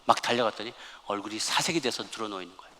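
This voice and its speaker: A man's voice: on the low side, rapid-fire, sharp tone. A man preaching a sermon as a pastor in a church sanctuary, telling a story emphatically and reading scripture aloud. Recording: long church hall reverb.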